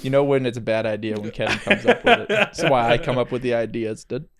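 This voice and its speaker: A man's voice: medium pitch, very animated, fast talker, over a noisy crowd. Goofy guy rambling on a casual podcast, trails off a lot. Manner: rambling, playful, trails off mid-thought. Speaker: podcast co-host. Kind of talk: casual chat.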